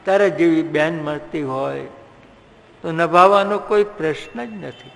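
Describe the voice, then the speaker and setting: A man's voice: fairly high pitch, a little slow, creaky, a bit bright. A man voicing a generous demon king. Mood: earnest. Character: generous demon king, male, kindly and earnest. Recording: echoey hall reverb.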